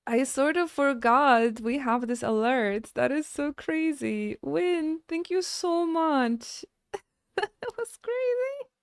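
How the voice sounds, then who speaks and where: A woman game streamer chatting casually with her live audience, halting and stammering as she thanks viewers between frequent laughs. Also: high-pitched, no echo, clean studio sound.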